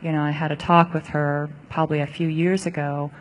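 A woman's voice: low voice, little pitch movement, a little fast. A woman from Taiwan, an audience member sharing a personal testimony, hesitant with many fillers.

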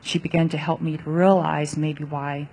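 A woman's voice: low voice, little pitch movement, moderate pace, warm tone, breathy edge. A woman from Taiwan, an audience member sharing a personal testimony, hesitant with many fillers.

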